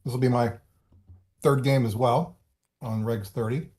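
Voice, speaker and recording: Wry man who talks haltingly. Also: mid-range voice, steady tone, darkish tone. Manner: halting, many fillers, wry. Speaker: player. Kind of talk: casual chat.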